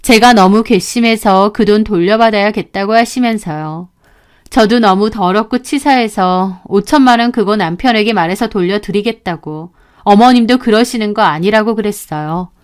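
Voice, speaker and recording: A woman's voice: medium pitch, moderate pace, smooth. A woman in her thirties narrating her own story as a daughter-in-law, indignant and complaining, acting out the dialogue.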